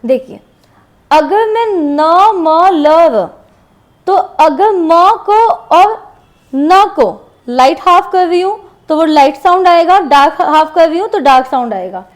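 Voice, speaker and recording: A woman with a high, light voice gives a shorthand class. She talks slowly and patiently and repeats each example word while she writes. The faint scratch of a pen on paper can be heard under her voice. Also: lively intonation. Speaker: shorthand teacher. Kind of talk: classroom lesson explaining shorthand strokes.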